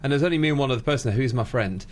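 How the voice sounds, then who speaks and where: A man's voice: mid-range voice, very fast, a little hiss or hum. A man hosting and interviewing on radio in a casual, chatty style.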